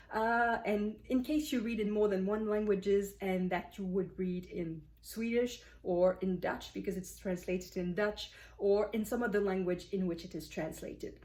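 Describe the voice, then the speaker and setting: A woman's voice: mid-range voice, a little mellow. Female book vlogger, casual review talk, explanatory, lots of fillers. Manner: thoughtful, explanatory, frequent uh and um fillers.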